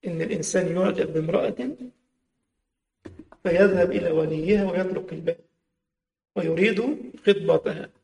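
A man's voice: high voice, creaky, a little mellow. A man with an Egyptian accent giving a religious lesson, explaining rulings step by step and repeating key phrases with colloquial asides. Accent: Egyptian Arabic. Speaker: religious teacher. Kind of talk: Islamic jurisprudence lesson. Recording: echoey hall with long reverb.

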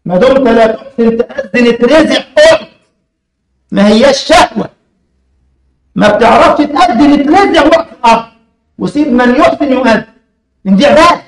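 High-voiced Egyptian man scolding in an echoey room. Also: slight background noise. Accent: Egyptian Arabic. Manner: scolding, demonstrative, mixes speech with slow chanting. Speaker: religious teacher. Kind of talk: teaching the call to prayer with chanted examples.

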